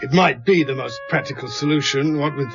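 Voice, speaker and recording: An actor playing a measured, probing senior police inspector in a radio drama, speaking in a terse, controlled way. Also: male voice, mid-range voice, lo-fi sound, music in the background, natural voice. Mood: gentle, weary.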